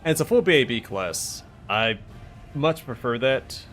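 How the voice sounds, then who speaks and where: A man's voice: medium pitch, lively intonation, normal speed, fairly bright tone, faint music behind. A man giving casual gameplay commentary as a streamer, chatting with his viewers. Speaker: game streamer.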